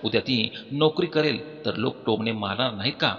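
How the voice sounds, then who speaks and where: A man's voice: mid-range voice, normal speed, lightly acted. A man voicing a worried, traditional mother who speaks in a heavy, disapproving tone. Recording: dull recording with long reverb, soft music behind.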